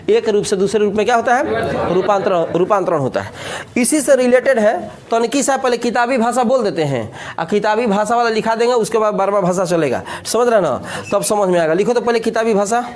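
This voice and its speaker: A man's voice: high voice, animated, a little fast. A man with a Bihari accent teaching physics in a classroom lecture, joking and often repeating questions to the class.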